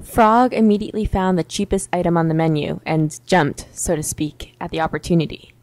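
Young woman narrator, low-ish voice, deadpan mock-heroic delivery, dry close sound. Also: fairly quick, no echo, poor audio. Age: young adult. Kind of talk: mock-epic storybook narration.

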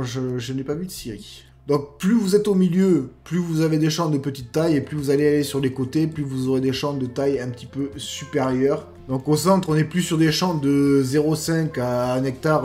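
A man's voice: fairly high pitch, darkish tone. A man with an accent, casually commenting over gameplay as he reviews game mods, with lots of fillers and friendly asides to his viewers. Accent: non-standard French accent. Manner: chatty, many fillers, addresses viewers as guys. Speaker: gaming YouTuber reviewing mods.

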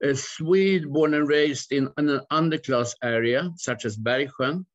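A man in his sixties giving a measured academic talk over a video call from his home study. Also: fairly high pitch. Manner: measured, slow lecturing with fillers. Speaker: academic presenter. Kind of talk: online conference talk. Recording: muffled video call audio.

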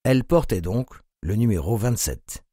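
Guy reading a dark audiobook, low mellow voice, lively intonation, dry close recording. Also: breathy edge, dry recording. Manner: grave, measured reading. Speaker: audiobook narrator. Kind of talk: scripted narration.

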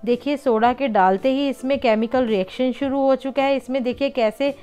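A woman's voice: high voice, normal speed, dark tone, smooth, soft background music. A woman hosting a home cooking channel, patiently explaining each step of a recipe in a voice-over and often calling her viewers friends.

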